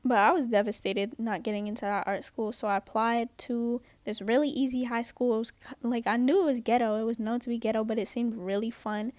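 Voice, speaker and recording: A young woman from Japan chatting casually through a get-ready-with-me story time, slangy and upbeat with quick asides. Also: on the high side, steady tone, a little mellow, dry recording. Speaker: vlogger.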